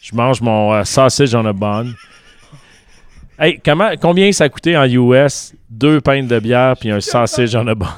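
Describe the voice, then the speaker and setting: A man's voice: mid-range voice, a little slow, clean tone. A man with a Québécois French accent telling a long story in casual chat, dropping English words into his French.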